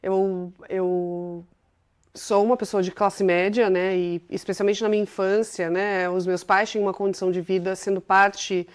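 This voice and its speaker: Clear and resonant, with a level tone and moderate pace, this mid-range voice belongs to a Brazilian CEO in her forties recounting her life in an interview. Her storytelling is enthusiastic and chatty, packed with filler tags.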